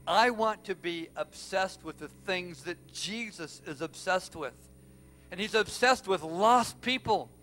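A male pastor preaching a sermon, telling a story with passion and swinging from loud to hushed. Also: sits high, measured pace.

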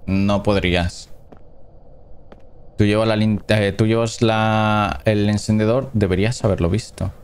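A man's voice: lowish voice, steady tone, measured pace, clean tone. A man commentating a horror game as he plays, reading the game's dialogue aloud between casual reactions. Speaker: gameplay commentator. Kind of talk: let's play commentary.

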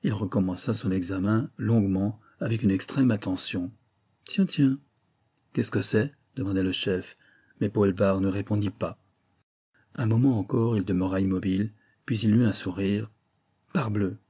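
A male audiobook narrator telling a detective story in a measured, even way. His voice is low and husky, with a dark, mellow tone. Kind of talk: scripted narration.

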